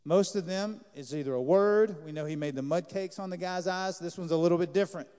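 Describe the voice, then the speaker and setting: A man preaching a sermon as pastor, animated, acting out the lines he quotes. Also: high voice, fairly quick, clear, resonant tone. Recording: reverberant hall.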